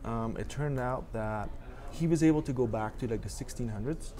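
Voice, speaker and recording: Man, 40, from Belgium, guest photographer, casual chat, lots of fillers and restarts, middle pitch. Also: normal speed, warm tone, a little hiss or hum. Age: 40s. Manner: chatty, laughing often, many fillers and restarts.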